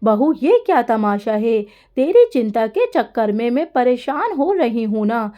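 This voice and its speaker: A woman's voice: a little high, big pitch swings, measured pace, lo-fi sound. A woman voicing an irritable older mother-in-law who snaps and scolds when her rest is disturbed in a spoken story. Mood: exasperated. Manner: snappish and scolding.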